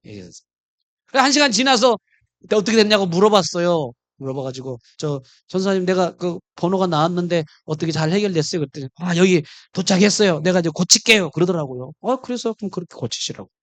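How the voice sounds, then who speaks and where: A man's voice: sits high, lively intonation, a little fast, no room sound. A middle-aged male pastor telling a personal story in a sermon, acting out the dialogue as he goes.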